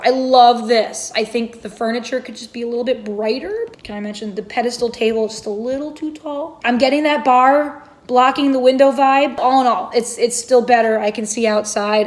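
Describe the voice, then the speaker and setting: A young woman giving a satirical, exasperated rant about a house listing, chatty and sarcastic with lots of "like"s. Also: fairly high pitch. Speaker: home review ranter. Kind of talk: satirical ranting commentary.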